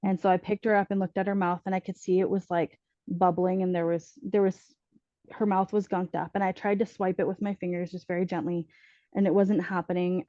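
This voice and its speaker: A woman on a podcast sharing a personal story earnestly, pausing often with ums and restarting her sentences. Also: on the low side, warm tone, no echo, lo-fi sound. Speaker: podcast guest telling her birth story.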